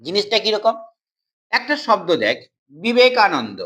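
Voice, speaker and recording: A man's voice: high-pitched, big pitch swings, unhurried, bright, forceful tone. Man teaching grammar, repeating definitions. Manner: repeats each definition and checks in with short questions; addresses the student familiarly. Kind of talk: informal classroom explanation.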